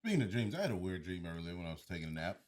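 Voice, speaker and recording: Low-voiced young man, playful podcast chat. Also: very animated, rapid-fire. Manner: playful, teasing, chuckles often. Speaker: podcast co-host. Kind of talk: casual chat.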